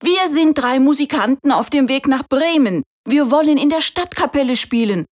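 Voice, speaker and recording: A woman doing a calm storybook donkey. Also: high voice, normal speed, voice pushed up. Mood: coaxing. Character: sensible, calm male donkey leading the band. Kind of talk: storybook reading.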